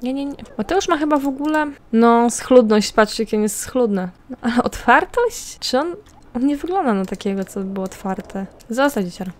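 Her voice is a little high, with lively intonation and a normal pace. She's a gameplay commentator doing casual let's-play talk over a life-simulation game, chatting with her characters and viewers alike.

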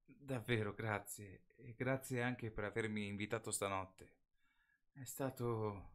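A man's voice: on the low side, fairly even intonation, measured pace, voice pushed up, close to an everyday voice. A man voicing an anxious teenage girl, breathless and urgent. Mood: earnest.

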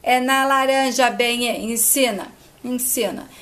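A woman voicing a loud, bossy salon owner who scolds her clients. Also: a little high, steady tone, unhurried. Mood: brassy. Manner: loud, scolding, calling everyone "bem".

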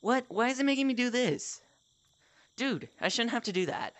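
Excitable young woman gaming. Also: fairly high pitch, moderate pace. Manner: excitable, shouts and half-sings while playing. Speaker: gaming streamer. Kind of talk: casual gameplay commentary.

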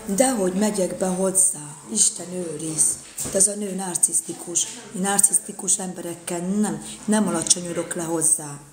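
A woman's voice: fairly low pitch, a little mellow, echoey room. A woman in a casual live-stream rant, indignant and repeating her phrases.

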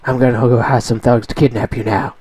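An arrogant young billionaire villain, played by a man in a homemade comic redub. He talks fast and smug, with a mellow tone. The sound is dry and close. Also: mid-range voice, level tone, slightly rough, dry recording, lightly acted.

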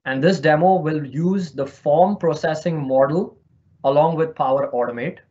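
His voice sits a little high with a darkish tone, and the highs are cut off by the remote call mic. He's a man from India, lightly accented, presenting a virtual conference session over an online call in a friendly, explanatory style.

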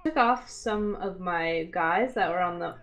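A young woman chats playfully and in slang while playing a war game alongside a co-player, with game gunfire going off behind her. Her lowish voice is unhurried, and a crowd can be heard in the background.

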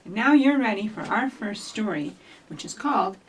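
Speaking at normal speed in an animated, medium-pitched voice, a middle-aged children's librarian runs storytime for young children, talking and reading aloud while encouraging them directly. A distant microphone records her in a small office with shelves, with slight background noise.

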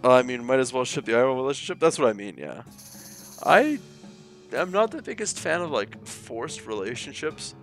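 A man's voice: mid-range voice, very animated, moderate pace, faint music behind. A young man streaming a game live, chatting with viewers in a rambling way full of fillers and restarts. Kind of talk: live game playthrough with chat.

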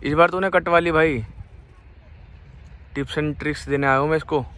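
A young man vlogging casually outdoors in an open field, calling out excitedly and laughing as he talks to people around him. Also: a little high, unhurried. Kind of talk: casual outdoor vlog commentary.

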